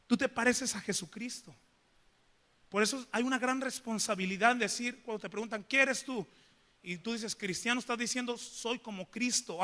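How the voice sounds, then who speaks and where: A man's voice: extremely high pitch, pushed and bright. A man preaching a sermon in church, telling a story and putting questions to the congregation. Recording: reverberant church hall.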